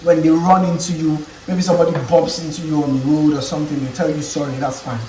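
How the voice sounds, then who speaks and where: A woman's voice: low voice, quick pace, roomy sound, far from the mic, a little hiss or hum, poor audio. A woman from Nigeria with a Nigerian accent, chatting casually in a vlog and acting out little quotes. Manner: animated storytelling with acted quotes. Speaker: vlogger. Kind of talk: casual chat.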